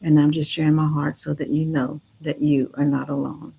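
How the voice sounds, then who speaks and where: A woman speaking gently and earnestly in a heartfelt livestream talk, reassuring listeners like a counselor. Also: deep voice, little pitch movement, moderate pace, gravelly, breathy edge, poor audio. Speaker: grief counselor and livestream host.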